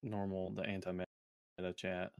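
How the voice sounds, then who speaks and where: A man's voice: low-pitched, flat delivery, unhurried, vocal fry, clear, resonant tone, no room sound. Joking man with a dry, close sound. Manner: joking, teasing, laughs often. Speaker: podcast co-host. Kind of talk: casual chat.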